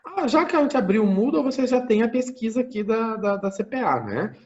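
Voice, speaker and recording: Over a dull lo-fi mic, this Brazilian lecturer teaches remotely with a shared screen, talking briskly in a high-pitched, very animated voice with a darkish tone. He explains each step, thinks aloud and keeps checking in with his students.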